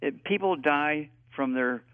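A man of eighty, a guest health expert on a call-in radio talk show, rambling and halting with many fillers over a tinny phone line. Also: a little high, dry recording. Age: 80s.

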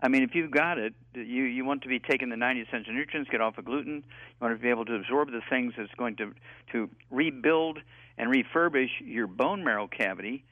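Here an eighty-year-old man, a health expert guesting on call-in radio, speaks in a mid-range voice over a tinny phone line. There's no room sound, and his talk is halting and rambling, thick with fillers.

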